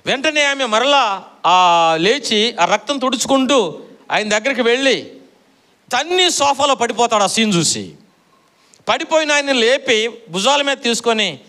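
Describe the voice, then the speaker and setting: A man's voice: very high-pitched, expressive, measured pace, long pauses, bright, forceful tone. A middle-aged man preaching a sermon, repeating his phrases and quizzing the congregation for answers. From Andhra Pradesh, India.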